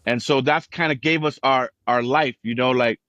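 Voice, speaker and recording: A man in his fifties from Cuba tells a relaxed, animated story as a podcast guest, now and then slipping into higher voices to act out the people he quotes. His voice sits at an ordinary middle pitch, recorded close and dry. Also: moderate pace, no echo, dull audio. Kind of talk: casual storytelling interview.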